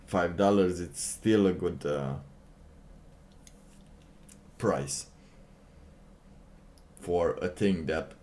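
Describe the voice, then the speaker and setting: This male livestream host has a low, slightly mellow voice. He reads things out and reacts to them haltingly and sardonically, frequently saying the same phrases again in his laid-back commentary.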